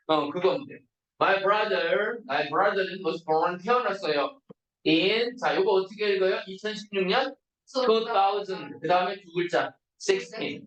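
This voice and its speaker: A man teaching an English grammar class, constantly checking in with students and reading example sentences slowly. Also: high voice, fairly bright tone, muffled recording. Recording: roomy, distant classroom recording.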